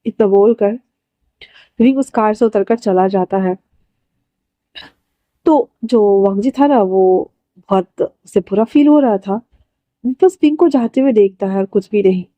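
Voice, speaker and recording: A woman's voice: medium pitch, unhurried, pauses often, mellow, dry recording. A woman narrating a fan story in a casual retelling style with filler words.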